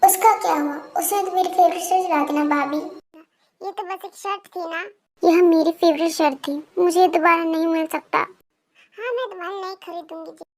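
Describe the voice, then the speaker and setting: A woman reading as a loud, pleading young husband. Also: extremely high pitch, fairly even intonation, moderate pace. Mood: defensive. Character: playful, stubborn young man, loud husband.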